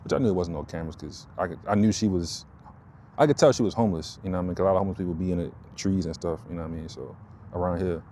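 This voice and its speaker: A man's voice: deep voice, very fast, slight background noise. Brief: male vlogger, casual and repetitive, walking outside, faint outdoor ambience. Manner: rambling, repeats himself, animated retelling. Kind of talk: casual storytelling vlog. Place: outdoors in a park.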